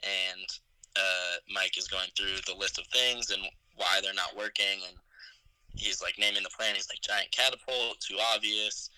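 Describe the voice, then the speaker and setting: Young man, casual movie review chat, hesitant, lots of ums, low pitch, dry sound. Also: level tone, normal speed, bright, forceful tone, no echo, rough recording. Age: 20s. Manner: hesitant, many ums, chuckles while recounting scenes. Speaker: podcast co-host.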